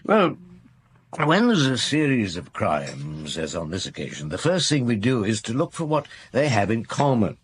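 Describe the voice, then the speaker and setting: Inspector Maigret, husky, thoughtful detective. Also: male voice, fairly low pitch, wildly swooping pitch, heavily acted. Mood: methodical, explanatory. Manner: measured, deliberate, explanatory. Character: middle-aged male French police chief inspector, methodical and thoughtful. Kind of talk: naturalistic radio drama acting.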